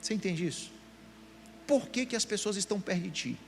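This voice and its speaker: A man's voice: sits high, lively intonation, a little fast, gravelly, fairly bright tone, a little hiss or hum. A middle-aged man with a Brazilian Portuguese accent preaching a sermon to a meeting of pastors, acting out the voices he quotes. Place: church meeting.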